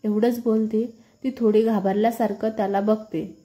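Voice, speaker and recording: A woman reading a story aloud in an even, unhurried scripted narration. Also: medium pitch.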